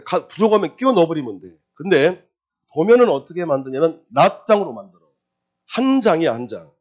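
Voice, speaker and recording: A man's voice: fairly high pitch, darkish tone. A man teaching a real estate law exam-prep lecture, firing rhetorical questions at the class, answering them himself, and repeating key terms in a singsong drill.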